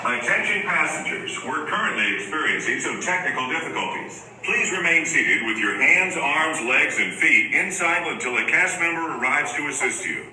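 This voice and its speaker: A man making a calm, formal ride safety announcement over a loudspeaker, played back as a recording. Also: a little high, normal speed, few pauses. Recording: echoey distant loudspeaker playback.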